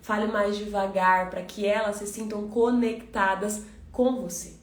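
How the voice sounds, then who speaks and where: A Brazilian woman coaching on communication, talking fast and directly to the listener as a friend. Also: mid-range voice, steady tone, roomy sound. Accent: Brazilian Portuguese. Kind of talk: motivational podcast talk.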